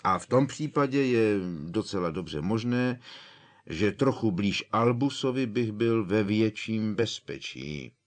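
A man's voice: fairly low pitch, expressive, voice pushed up, close to an everyday voice. A man voicing a fussy, nervous old male wizard professor who grumbles and protests reluctantly.

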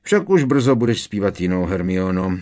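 A man's voice: low-pitched, big pitch swings, darkish tone. A man voicing a cheeky, mischievous teenage prankster in an audiobook, teasing and cocky. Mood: gleeful.

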